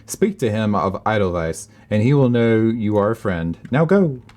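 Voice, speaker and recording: A loyal house servant urging a hero onward, read aloud by a man in a formal, dramatic game-dialogue tone. The voice is lowish with wide swings in pitch. The delivery stays pressing and sincere. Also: big pitch swings, moderate pace, darkish tone. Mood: urgent. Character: loyal male servant of a noble house, urgent.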